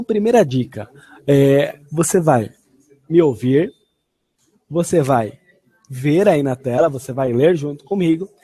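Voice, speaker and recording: A Portuguese-speaking man teaching an online lesson, upbeat, repeating English phrases slowly and expressively. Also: on the high side, warm tone, slightly rough.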